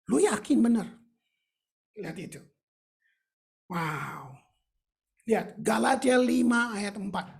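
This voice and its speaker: Gravelly, husky woman preaching. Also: fairly high pitch, expressive, slow, pauses often. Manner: emphatic, colloquial preaching with English phrases mixed in. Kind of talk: sermon.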